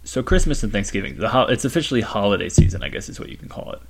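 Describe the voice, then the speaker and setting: A man's voice: lowish voice, big pitch swings, very fast. A young man in his twenties, co-hosting a podcast and telling rambling stories with lots of fillers. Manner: rambling storyteller, fillers, laughs a lot. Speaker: podcast co-host. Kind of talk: casual chat.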